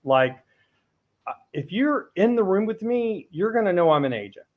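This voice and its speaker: A man with a somewhat high voice tells anecdotes as an interview guest, laughing easily between points. The sound is a little dull and lo-fi, as if from a modest remote mic. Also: very animated, normal speed. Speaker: guest, real estate team leader. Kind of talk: casual interview chat.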